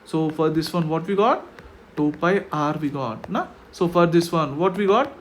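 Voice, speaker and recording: Male maths tutor, Indian accent, high voice, explains step by step with constant check-in questions; faint noise behind. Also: normal speed. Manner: repetitive checking questions with tag words. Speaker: maths teacher.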